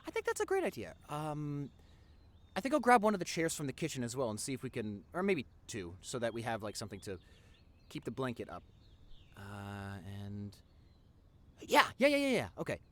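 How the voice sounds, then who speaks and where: In an intimate roleplay audio, a man plays a nerdy young boyfriend speaking one-on-one to his girlfriend, stammering eagerly as his pitch swings widely in a sing-song way. He's affectionate, teasing, eager and excited, at a moderate pace with a slightly bright tone.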